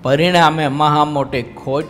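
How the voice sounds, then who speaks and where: A man's voice: fairly high pitch, steady tone, fairly bright tone, long reverb tail, soft background music. A man with a Gujarati accent, a swami giving a storytelling sermon to an assembly, acting out the cries of the people in his story. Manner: slow, dramatic storytelling that acts out cries and wails of the characters. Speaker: swami giving a religious discourse. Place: large assembly hall.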